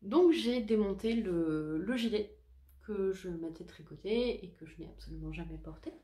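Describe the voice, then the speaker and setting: A woman's voice: medium pitch, normal speed, mellow, slight background noise. Chatty woman in an echoey room. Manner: chatty, hesitant, self-deprecating. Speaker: knitting podcaster. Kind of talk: casual chat to camera.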